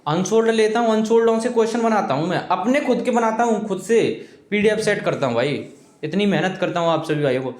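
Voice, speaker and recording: A man's voice: high-pitched, lively intonation, quick pace, reverberant. A male teacher giving an informal exam coaching lesson, repeating points and constantly checking in with "okay friends". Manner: repetitive, keeps saying "okay friends"; pleading with viewers, informal.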